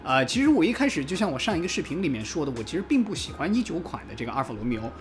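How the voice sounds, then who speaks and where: A chatty man from China talks through a casual car review vlog at a brisk pace. His voice bounces around a lot in pitch, and it jumps up whenever he imitates someone else's remark. Faint music plays softly underneath. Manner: animated, fast and chatty, mimics commenters in a raised voice, casual swearing.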